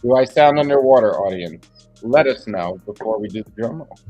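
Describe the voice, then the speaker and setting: A man's voice: medium pitch, expressive, a little fast, faint music behind. A man co-hosting a casual morning livestream chat, joking around, his audio muffled and underwater-sounding. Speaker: co-host.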